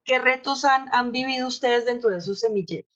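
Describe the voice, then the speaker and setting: A woman's voice: a little high, a little fast, fairly bright tone. Woman moderator, muffled audio. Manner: friendly, prompting questions. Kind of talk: moderating a panel.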